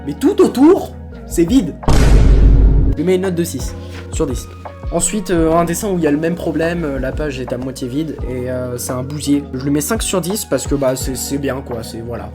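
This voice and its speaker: A man's voice: fairly high pitch, brisk. Young guy, jokey sketchbook chatter over music. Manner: self-mocking, jokey, chatty with many fillers. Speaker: vlogger showing his sketchbook. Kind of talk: casual rambling commentary.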